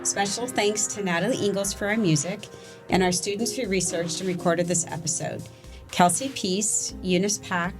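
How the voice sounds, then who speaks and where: A woman's voice: mid-range voice, moderate pace, music in the background. A woman hosting a podcast interview, wrapping up and reading the closing credits. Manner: warm listening, short affirmations and laughs. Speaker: podcast host.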